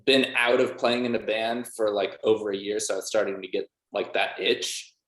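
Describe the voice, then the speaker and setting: A band member and music producer gives a laid-back, rambling interview, casually packing his answers with "like" and other fillers. His fairly low voice is steady and a bit bright at a normal pace, and the recording sounds roomy and echoey.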